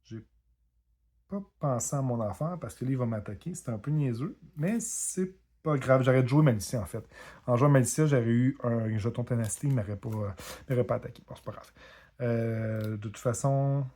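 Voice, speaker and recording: A man's voice: medium pitch, normal speed, warm tone. Québécois man narrating a card game. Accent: Québécois French. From Quebec. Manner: self-deprecating, apologetic, laughs at his own mistakes. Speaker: board game video host. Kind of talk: casual commentary while playing a card game.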